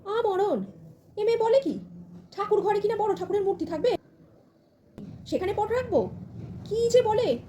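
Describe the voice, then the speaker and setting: A woman's voice: very high voice, lively intonation, normal speed, pauses often, mellow, a little hiss or hum, pitched above the performer's own voice. A woman from West Bengal playing a bossy, old-fashioned mother-in-law who scolds and nags her daughter-in-law in a comedy skit. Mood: scolding. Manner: nagging, scolding, exasperated. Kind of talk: comedy skit role-play.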